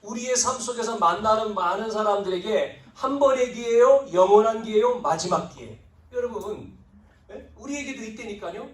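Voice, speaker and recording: Man, pastor, sermon, high voice, lively swooping pitch, roomy echoey hall. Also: normal speed. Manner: emphatic preaching with wide swings between loud and hushed; acts out biblical figures' lines in quoted speech. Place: church sanctuary. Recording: roomy, distant church recording.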